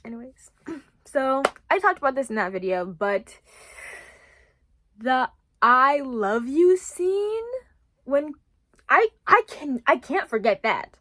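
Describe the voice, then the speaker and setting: Bright, high-voiced young woman rambling excitedly. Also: slow, pauses often, no room sound. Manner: rambling and excitable, full of restarts and emphatic repeats. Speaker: vlogger. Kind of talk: casual chat.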